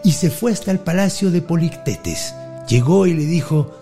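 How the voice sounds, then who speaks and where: A man with a Mexican accent casually retelling a Greek myth on a podcast, slangy, animated and jokey. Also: a little high, moderate pace, soft background music. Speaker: podcast storyteller. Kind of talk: casual mythology storytelling.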